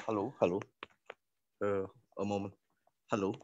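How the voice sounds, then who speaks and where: A man's voice: on the low side, level tone, normal speed, heavy background noise. A man on an unstable online call connection asks a meditation teacher questions, hesitant and searching for words. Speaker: meditation student asking questions. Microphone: video call. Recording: dull, dry lo-fi video call audio.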